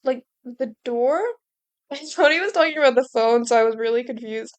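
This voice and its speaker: A woman's voice: a little high, fairly quick, clear, resonant tone. A young woman reading fanfiction aloud with wry, sarcastic asides. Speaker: fanfiction reader and commentator. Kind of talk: casual comedic read-along commentary.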